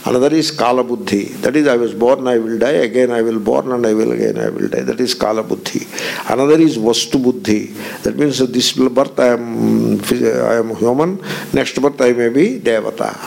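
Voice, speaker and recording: Gravelly man teaching. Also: mid-range voice, expressive, normal speed, darkish tone. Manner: emphatic rhetorical questioning, repeats phrases for stress. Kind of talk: Vedanta discourse.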